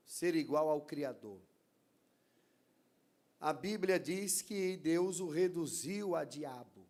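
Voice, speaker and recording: A Brazilian pastor delivers a sermon in an unhurried, drawn-out way. His voice sits high for a man, and he leans hard on key words. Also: creaky, a little mellow. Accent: Brazilian Portuguese. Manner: deliberate, emphatic preaching with stressed words. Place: church.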